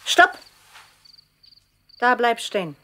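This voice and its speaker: Taunting, high-voiced villainess. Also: female voice, very animated, takes it slowly, bright, forceful tone, exaggerated voice. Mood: cold taunting. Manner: commanding, taunting. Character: menacing woman, servant of a dark power. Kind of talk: horror audio drama acting. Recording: noisy horror audio drama track.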